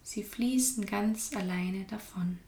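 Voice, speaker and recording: A woman guiding a meditation in a calm, soft-spoken way, often sinking into a whisper. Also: mid-range voice, slow pace, vocal fry, reverberant. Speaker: meditation guide. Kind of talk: guided meditation.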